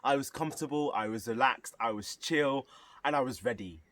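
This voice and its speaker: A young man in his early twenties telling an animated story and acting out the voices of the people in it. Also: mid-range voice, normal speed, no room sound. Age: young adult. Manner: animated, acts out the voices of others. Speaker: vlogger. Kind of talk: storytelling vlog.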